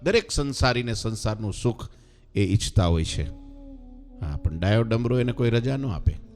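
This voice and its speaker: A man's voice: mid-range voice, lively intonation, moderate pace, a little mellow, faint music behind. A man who is a swami preacher, telling a devotional story as a sermon and often asking his listeners rhetorical questions.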